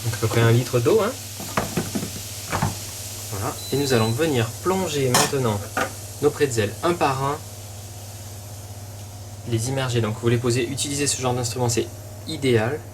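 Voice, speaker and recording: A man's voice: medium pitch, moderate pace, pauses often. A man with a French accent hosting a cooking demonstration in a casual, encouraging, step-by-step way, with small interjections. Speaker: cooking show host. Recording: clearly noisy room ambience behind voice.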